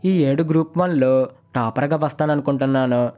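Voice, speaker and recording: A man's voice: medium pitch, moderate pace, dark tone, close to an everyday voice. A man narrating a storybook and reading the lines of a remorseful, idealistic young man who speaks earnestly and apologetically.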